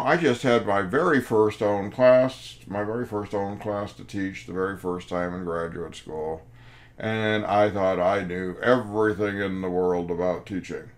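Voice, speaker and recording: A man in his fifties, a professor telling a wry classroom anecdote in a lecture. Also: low-pitched. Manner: anecdotal, wry, acts out quoted voices. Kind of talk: storytelling lecture.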